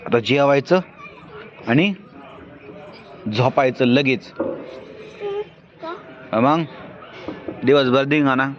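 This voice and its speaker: Very slow and pausing often, a woman with a very deep voice talks with her little children in a family vlog, fussing over them and switching between scolding and coaxing. The audio is dull and lo-fi, with loud noise from outdoors.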